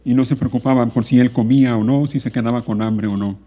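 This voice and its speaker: A man preaching a sermon to his congregation, earnest and pleading, moving between hushed and raised passages. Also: mid-range voice, steady tone, fast talker. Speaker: pastor.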